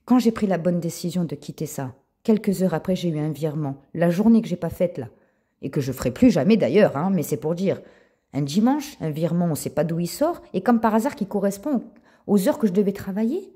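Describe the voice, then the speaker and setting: Low husky woman giving a testimony. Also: brisk. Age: adult with a child. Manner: animated, repeats words, addresses listeners as friends; retells dialogue in quoted voices. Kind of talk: spoken personal testimony to viewers.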